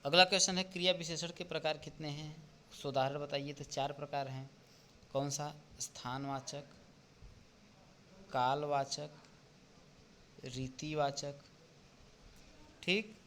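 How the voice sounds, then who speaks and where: Slow, deliberate teacher, man. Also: fairly high pitch, level tone, pushed and bright, slight background noise. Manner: explains step by step, often checks with "ठीक?". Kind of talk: exam paper walkthrough lesson.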